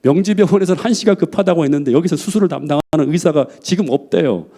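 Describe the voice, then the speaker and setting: A man's voice: fairly high pitch, quick pace, warm tone. A male pastor preaching a sermon, telling a personal story in a heartfelt, earnest way.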